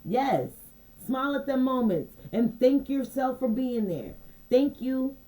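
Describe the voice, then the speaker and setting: A woman who does intuitive card readings chats loosely with her livestream viewers, sharing a casual channeled message in a mellow, relaxed, high voice. She repeats phrases, keeps checking that they're following, and never hurries. The recording is rough.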